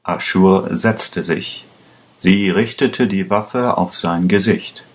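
A man narrating a story in a plain, deliberate reading style. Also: low-pitched. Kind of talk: slow audiobook narration.

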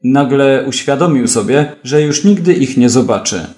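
A man reading a thriller audiobook in a measured, even way. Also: medium pitch, echoey room. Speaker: narrator. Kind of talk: audiobook narration.

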